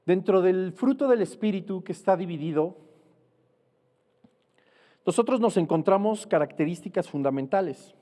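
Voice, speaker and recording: A man delivers an earnest sermon, slowing down to stress key words and posing rhetorical questions. His voice sits high but mellow. A long reverb trails after him. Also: lively intonation. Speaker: preacher.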